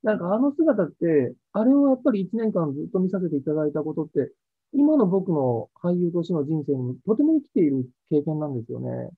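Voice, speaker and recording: A man being interviewed about his acting career, telling stories in a lively way and acting out what others said. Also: fairly high pitch, a little fast, breathy edge, dry recording. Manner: lively storyteller acting out quoted lines. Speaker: actor interviewed about a past role. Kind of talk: animated interview chat. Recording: dry, tinny phone-like sound.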